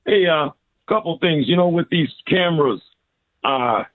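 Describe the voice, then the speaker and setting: A male radio caller talking over a phone line that keeps breaking up, speaking in a halting way with many pauses. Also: on the high side, expressive, no echo. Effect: phone call line.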